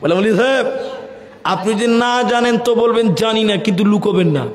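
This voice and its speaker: A high-pitched male preacher from Assam with an Assamese Bengali accent, telling animated stories and chanting verses in a sung tone. His voice rings out with a long, echoing reverb, as though carried over loudspeakers to a large gathering. It is a live sermon, delivered with plenty of theatrical voicing. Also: a little fast, a faint crowd. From Assam, India. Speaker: Islamic preacher. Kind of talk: live open-air sermon. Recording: echoey public-address sound with long reverb.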